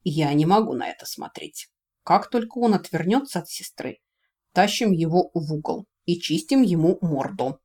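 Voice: mid-range voice, animated, moderate pace, warm tone. Reader doing a young dragon brother, grumbling, put-upon, audiobook. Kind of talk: audiobook reading.

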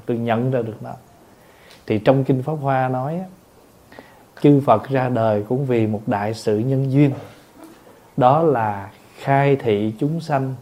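A man's voice: medium pitch, warm tone. A man, a Buddhist monk, giving a patient dharma talk, explaining terms word by word and acting out little everyday exchanges.

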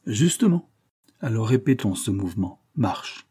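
A man reading aloud, voicing a celebrated police detective who speaks in a measured, authoritative, instructive way. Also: lowish voice, very animated, warm tone, husky, heavily acted. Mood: commanding. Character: celebrated police detective, calm, commanding, dry.

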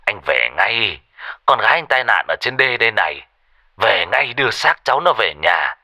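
A man's voice: on the low side, very animated, moderate pace, bright, forceful tone, no room sound, clean studio sound, full character voice. A man voicing a brusque rural policeman giving urgent orders over the phone in a storybook tale. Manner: curt, urgent.

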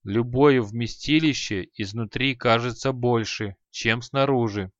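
Man voicing a calm demon of death. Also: mid-range voice, unhurried, dry recording, dull audio, lightly acted. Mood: dry.

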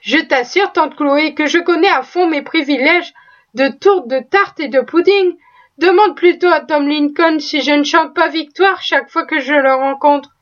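Teasing teenage boy read by a woman, playful and boastful, high voice, lo-fi audio. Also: unhurried. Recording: slightly dull lo-fi recording.

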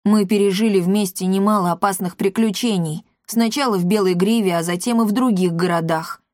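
A woman's voice: medium pitch, fairly quick, darkish tone, no room sound, lightly acted. A chubby, timid young man speaks in a raised, jittery voice, as a woman reader puts him on. Close and dry. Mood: proud. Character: plump timid young man with magic gloves.

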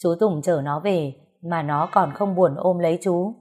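A woman narrating a dramatic ghost story in a calm, measured reading. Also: fairly low pitch, slightly rough.

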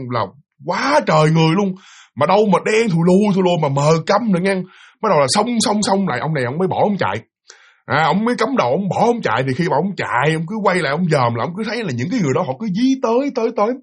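Male ghost-story teller, slightly high voice with wide swings, husky. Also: quick pace. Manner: animated, acts out voices of people in the story.

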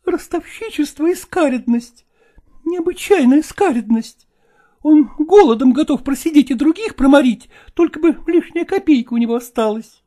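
A woman's voice: high-pitched, expressive, moderate pace, warm tone. A woman playing a stubborn, tearful young wife arguing with her father in a dramatized reading, emotional and defiant.

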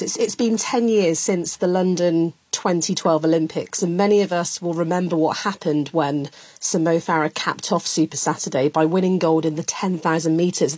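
A woman's voice: on the low side, a little mellow, husky, no echo. A female correspondent giving an earnest, explanatory radio news report. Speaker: community affairs correspondent.

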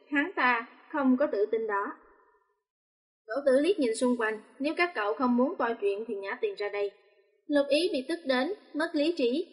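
A woman narrating a romance novel audiobook in a steady, even reading voice. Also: high voice. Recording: long reverb.

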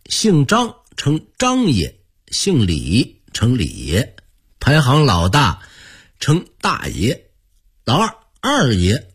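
Beijing-accented man for a radio host, husky, very animated pitch, storyteller delivery. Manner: lively storyteller, drawn-out emphasis. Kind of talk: storytelling radio talk on old customs.

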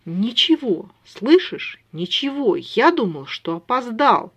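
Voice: mid-range voice, very animated, moderate pace, a bit bright, slightly rough, exaggerated voice. A reader doing Lami, a sly clipped brother. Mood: stern. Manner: terse, clipped, chiding. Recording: dull lo-fi recording.

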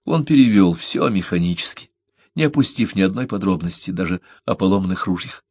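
A man with a low voice reads a novel aloud in a measured, dramatic way. The recording is dry and close, with no room sound. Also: a little mellow, slightly rough, no echo. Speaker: audiobook narrator. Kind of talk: literary audiobook narration.

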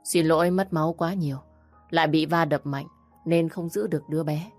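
A woman's voice: deep voice, steady tone, moderate pace, darkish tone, faint music behind. A woman voicing a formal hospital doctor in an audio story. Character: formal hospital doctor delivering bad news.

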